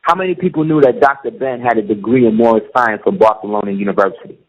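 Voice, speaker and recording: Talking fast in a fairly low-pitched voice, a middle-aged man appears as a guest in a relaxed conversation. He's emphatic and constantly asks "you see what I'm saying," heard through muffled, lo-fi sound.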